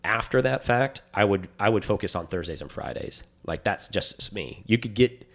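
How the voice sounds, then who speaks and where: Man, very deep voice, podcast co-host, enthusiastic rambling chat. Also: moderate pace, vocal fry. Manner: enthusiastic, rambling, animated storytelling. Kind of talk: casual chat.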